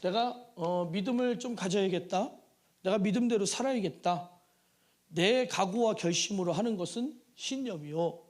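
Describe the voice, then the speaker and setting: A male pastor giving a Wednesday evening sermon in a church, emphatic, with rhetorical questions and sudden shouts. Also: high-pitched, moderate pace. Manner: acts out prayers in a pleading sing-song. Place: church sanctuary.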